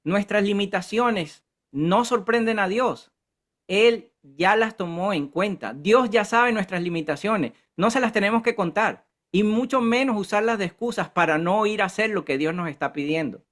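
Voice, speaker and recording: A man with a notably high voice leads a Bible study. He talks conversationally and keeps checking in with his listeners as he explains. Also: animated, moderate pace, a bit bright. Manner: conversational, keeps asking the group "¿verdad?".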